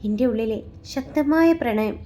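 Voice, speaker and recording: A woman voicing a shy eighteen-year-old orphan girl who talks softly and wistfully about her secret love. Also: mid-range voice, sing-song, moderate pace, a little hiss or hum, lightly acted. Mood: sorrowful. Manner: soft, wistful, confiding.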